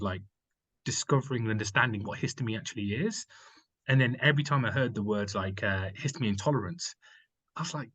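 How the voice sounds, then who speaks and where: A man with a husky, slightly rough voice speaks as a podcast guest. He talks casually and rambles, tossing in filler words as he goes. His pitch sits in an ordinary middle range. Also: a bit bright, dull audio. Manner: rambling, filler-heavy storytelling with many "like"s. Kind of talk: casual chat.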